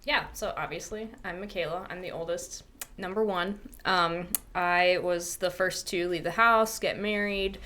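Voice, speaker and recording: A woman in her late twenties, a podcast guest chatting casually and softly, often trailing off. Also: fairly low pitch, steady tone, unhurried. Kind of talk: casual chat.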